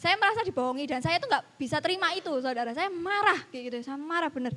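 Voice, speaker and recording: A woman's voice: extremely high pitch, expressive, fast, sharp tone. A woman preaching a church sermon, telling a personal story and addressing the congregation often. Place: church service.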